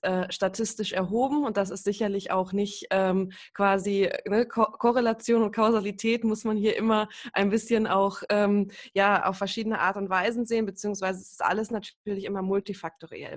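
A woman coach explains things on a podcast. She speaks at a middle pitch, weighing her words carefully and pausing often on fillers. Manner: thoughtful, hedging, many fillers. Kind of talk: explaining in an interview.

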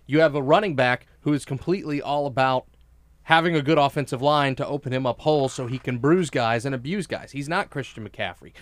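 A man co-hosting a sports talk show, arguing his opinions emphatically with quick restarts. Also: mid-range voice, no room sound.

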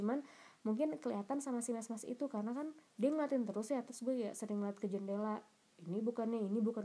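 A young woman with a mellow, relaxed tone chats through her own podcast. She talks in loose slang and lively acts out the voices of people in her story. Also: medium pitch. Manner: chatty, slangy, animated when quoting others. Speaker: podcast host. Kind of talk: casual solo podcast storytelling.

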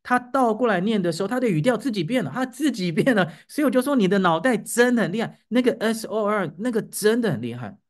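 A man's voice: fast, hardly any pauses. A man hosting a casual podcast as an English teacher, telling a classroom story and sounding out English words to show intonation. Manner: animated storytelling, pitch rising as he gets excited; demonstrates English word intonation aloud.

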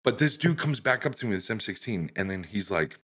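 A young American man telling a profane, animated story to friends on a podcast. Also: on the low side, fast, slightly rough. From United States. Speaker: podcast host. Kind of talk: casual storytelling among friends.

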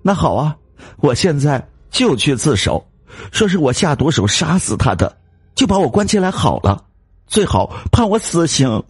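Scheming shrill wife in an audio story, voiced by a man, bossy and sharp-tongued, pitched way up over a husky, gravelly base. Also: wildly swooping pitch, moderate pace, no echo, heavily acted. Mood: tearful angry.

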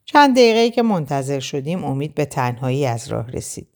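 A woman narrates a first-person novel aloud, telling the story expressively. Her voice sits low for a woman, but her pitch ranges widely and keeps the narration lively.

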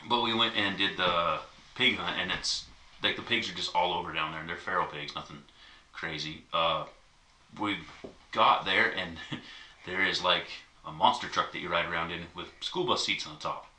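A man's voice: low-pitched, moderate pace, bright, forceful tone. A man in casual chat, telling a long, easygoing story with many asides. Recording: echoey room, mic at a distance, faint noise.

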